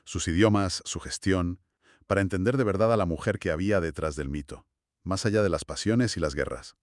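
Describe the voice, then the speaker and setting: A man with a very low voice co-hosts a relaxed history podcast. He is reflective, moving the talk forward with questions and short summaries. The sound is dry and close. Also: fairly quick, dry recording. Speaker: podcast co-host asking questions.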